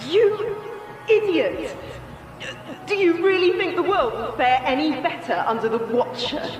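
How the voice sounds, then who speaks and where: A woman plays a furious, scornful villainess in a horror audio drama. Her high voice swoops dramatically, imperious and theatrical. It rings in long reverb over music. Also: expressive, unhurried. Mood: furious, desperate.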